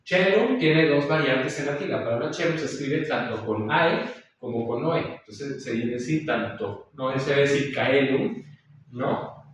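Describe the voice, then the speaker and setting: In a recorded course lecture, a man with a mid-range, animated voice teaches Latin pronunciation at a normal pace, explaining patiently, repeating sounds and checking in with listeners. The room is echoey, he sits far from the mic, and there's a little hiss or hum.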